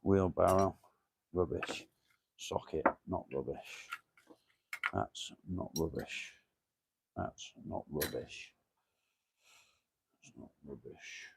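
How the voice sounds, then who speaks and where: A man's voice: sits low, takes it slowly, gravelly, pauses often, background noise. A man mumbling a running commentary to himself as he sorts junk in a cluttered shed, swearing casually. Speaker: vlogger. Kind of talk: muttering to himself while sorting junk.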